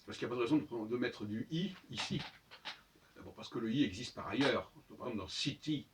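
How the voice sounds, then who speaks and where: A man in a halting, unscripted solo monologue who keeps pausing on fillers and restarting his sentences. His voice sits at an ordinary middle pitch. He is heard from a little way off the microphone. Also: far from the mic, background noise. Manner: spells out letters one by one. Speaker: host of his own channel.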